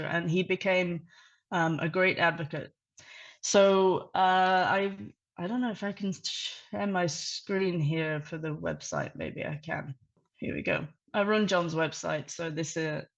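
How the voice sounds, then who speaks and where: A woman speaks in a lowish voice, presenting to an audience over a video call. She talks conversationally, with plenty of fillers and restarts. The audio is a bit dull and lo-fi. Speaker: conference speaker.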